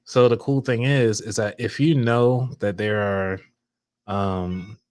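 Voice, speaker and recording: A man's voice: fairly low pitch, steady tone, slow pace, a little mellow, no echo. A man hosting a casual podcast chat, joking around while giving practical money tips. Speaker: podcast host.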